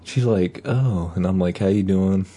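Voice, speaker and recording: A man co-hosting a podcast, trading crude jokes in casual banter and half-rapping a comic rant in a low mumble. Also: a little slow, dark tone, husky. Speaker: podcast co-host.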